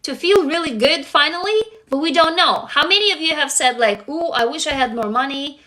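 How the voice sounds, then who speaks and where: A young woman from Russia, Russian being her first language, hosts a livestream and reads viewer comments, sounding earnest and blunt and swearing casually. She talks fairly quickly in a high, bright voice with a forceful tone.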